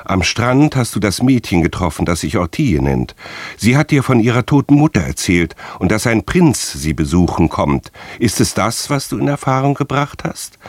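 A man's voice: fairly low pitch, darkish tone, no room sound, pitched above the performer's own voice. A hard, cutting interrogator, voiced by a man narrating a radio story, fires questions in a raised, pressing voice. The recording is close and dry, with no room around it. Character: stern male teacher interrogating harshly.

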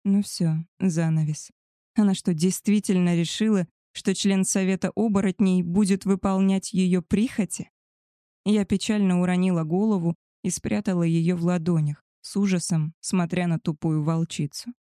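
A woman reading a first-person story aloud in a wry, even storytelling manner. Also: lowish voice, moderate pace, dry recording, studio quality. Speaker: audiobook narrator.

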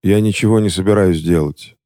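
A man voicing a weary, hoarse prisoner trapped behind a mirror, tired and wry, in an audiobook. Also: low-pitched, a little fast, warm tone, no room sound, studio quality, lightly acted. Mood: calm. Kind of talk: audiobook character voice.

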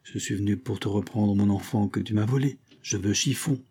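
A man's voice: on the low side, normal speed, warm tone, slightly rough. A man doing a blustering brute of a showman. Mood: threatening. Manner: threatening, blustering. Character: brutish male showman, menacing bully.

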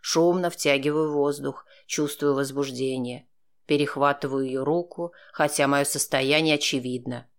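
A man narrating a first-person audiobook in a steady, dry, sardonic tone. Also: medium pitch, normal speed, smooth.

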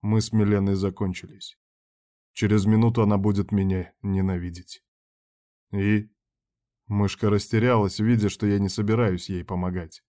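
A man narrating a first-person audiobook. His voice is low, with a dark and mellow tone. He reads in a measured, cold way and bites off his own lines curtly. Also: flat delivery.

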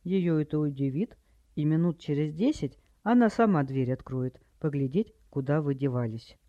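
A man's voice: on the high side, expressive, moderate pace, no room sound. A man reading a polite clever boy detective. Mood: calm. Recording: dry, slightly dull recording.

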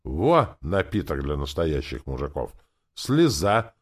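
Loud old village carpenter, voiced by a male reader: bossy, folksy, gravelly, in an audiobook. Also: low-pitched, very animated, measured pace, pitched above the performer's own voice, exaggerated voice. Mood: boisterous. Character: boisterous old village carpenter, hard-drinking joker.

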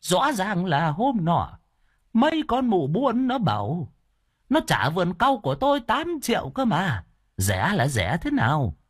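A man voicing a flustered, deaf old village man over 80, speaking slowly in a quavering voice. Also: high-pitched, huge pitch swings, husky, voice pushed up, heavily acted. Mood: confused. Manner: slow, quavering, confused.

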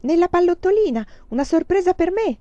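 A woman reading a story aloud, voicing an eager little boy in a high, bouncy child voice. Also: expressive, normal speed, warm tone, no room sound. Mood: excited. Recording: slightly muffled recording.

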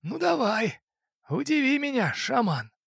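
A man voicing a fat, older male crime boss who bullies and shouts. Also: very high voice, big pitch swings, measured pace, gravelly, slightly rough, no room sound, studio quality, voice pushed up, heavily acted. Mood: mocking. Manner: mocking, barking.

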